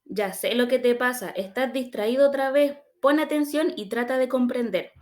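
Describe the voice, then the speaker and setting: A woman's voice: high voice, normal speed, lightly acted. A woman reading as a patient schoolteacher. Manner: gently corrective, questioning. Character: patient female schoolteacher quizzing a boy. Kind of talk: storybook reading.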